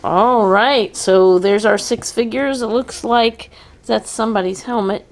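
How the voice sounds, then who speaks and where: With a fairly high pitch and an unhurried pace, this toy unboxing co-host chats eagerly while highlighting details. It's a casual product show-and-tell. Faint background noise can be heard.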